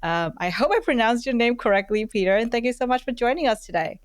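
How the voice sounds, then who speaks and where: A woman hosts a casual podcast interview recorded remotely, sounding friendly and chatty, using lots of fillers and laughing often. Her voice is a little high and fast with lively intonation, and there's no room sound.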